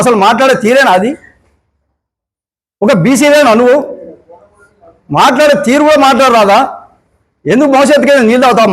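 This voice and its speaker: A man's voice: high-pitched, poor audio. A man speaking, scolding a rival at a press meet with rhetorical questions. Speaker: local politician. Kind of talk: fiery press meet speech.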